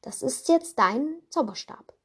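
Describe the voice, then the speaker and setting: A woman voicing a fussy old male wand maker, often in a hushed, whispery tone. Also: high-pitched, lively intonation, measured pace, slightly rough, full character voice.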